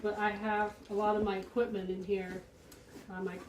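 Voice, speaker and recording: A woman's voice: medium pitch, level tone, normal speed, noisy background. A young woman from Taiwan, an artist and photographer chatting casually on a tour of her home, laughing lightly between thoughts. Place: at home, indoor rooms. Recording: roomy echo of a home.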